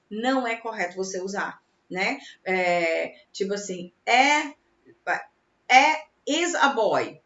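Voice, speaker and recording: Brief: higher-voiced woman, chatty English teacher, roomy dull lo-fi sound. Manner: chatty, switches between Portuguese and English, laughs at herself. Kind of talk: bilingual grammar lesson.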